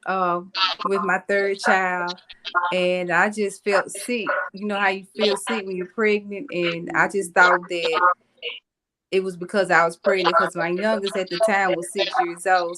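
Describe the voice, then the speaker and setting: A woman guest telling her story on a video call, earnest and halting with many pauses. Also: on the low side, heavy background noise. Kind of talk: personal story on a podcast.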